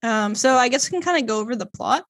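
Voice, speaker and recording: Her voice fairly high and lively, this fast-talking woman co-hosts a casual podcast. Reading out a long plot summary, she stumbles on strange names and fills the gaps with plenty of fillers.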